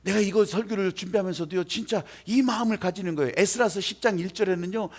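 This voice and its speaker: A male pastor preaching an emotional sermon, swinging between loud exhortation and hushed, quiet passages. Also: high voice, quick pace. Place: church sanctuary.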